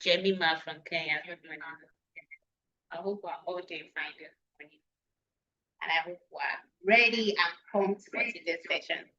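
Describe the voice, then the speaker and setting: A woman hosts an online session, reading out attendees' names and checking how to say them. Her voice sits fairly low. It comes through dull and lo-fi over a video call. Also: bright, forceful tone. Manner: unhurried, reading names aloud and pausing over pronunciations. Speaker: webinar host. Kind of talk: greeting attendees by name before an online session.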